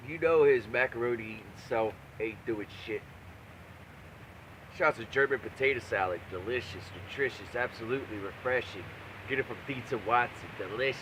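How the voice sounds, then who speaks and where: A man's voice: medium pitch, moderate pace, background noise. A man talking casually and profanely like a video blogger, brash and crude, hammering points home by repeating himself. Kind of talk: profane, casual rambling rant to camera.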